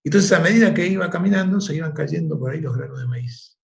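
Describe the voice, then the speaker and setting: Gravelly man telling a parable. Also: a little high, quick pace. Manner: reflective, animated storyteller. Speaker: guest. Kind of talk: conversational storytelling.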